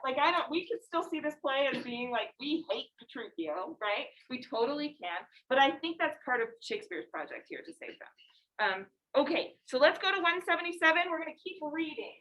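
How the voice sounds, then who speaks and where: A woman teaching a high school English class in an informal, conversational way, checking in with questions. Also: bright, forceful tone. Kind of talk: classroom lesson to students. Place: classroom, voice picked up from a distance. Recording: distant classroom recording.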